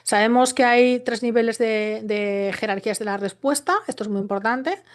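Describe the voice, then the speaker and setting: A woman's voice: fairly high pitch, steady tone, moderate pace. A woman with a Spain Spanish accent explaining a topic in an unscripted talk, often restarting her sentences and asking rhetorical questions. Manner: explains with rhetorical questions and frequent tag checks; restarts and self-corrections mid-sentence. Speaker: educator.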